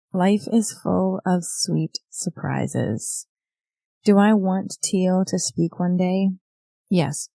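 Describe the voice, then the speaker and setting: A woman's voice: lowish voice, gravelly, mellow, no room sound. A woman hosting a podcast, giving an earnest, reflective personal monologue. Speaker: podcast host.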